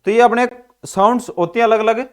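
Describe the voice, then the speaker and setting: High-voiced man teaching class. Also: fairly quick, clean tone. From Haryana, India. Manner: repeats questions and answers them himself, frequent "ठीक है भाई". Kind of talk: classroom lecture explaining English pronunciation.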